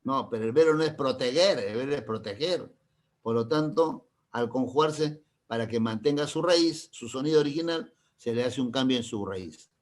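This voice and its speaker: A middle-aged man, teaching a classroom grammar lesson. He keeps checking that the class understands with quick questions and uses playful, teasing examples. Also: mid-range voice. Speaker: language teacher.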